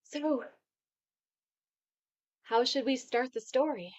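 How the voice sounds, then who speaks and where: An actress playing a woman who is calmly letting go of a love, in a measured, resigned way. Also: high voice, muffled recording. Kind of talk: stage play performed over video call.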